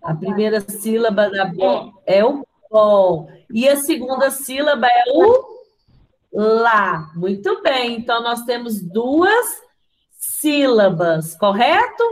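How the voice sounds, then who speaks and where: Speaking slowly with lively intonation and a voice on the high side, a woman with a Brazilian Portuguese accent teaches young children in an online class. As a patient primary school teacher, she sounds out words syllable by syllable and asks questions. The low-quality recording carries her voice through a video call from a computer.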